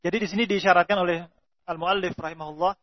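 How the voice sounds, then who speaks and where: A man with a high voice teaches Quran recitation rules. He reads out Arabic lines slowly, then explains each point plainly and stretches out sample words to show the sound. The recording is dull and lo-fi. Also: steady tone. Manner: drawn-out demonstration of Arabic pronunciation. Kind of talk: explaining tajweed rules from a text.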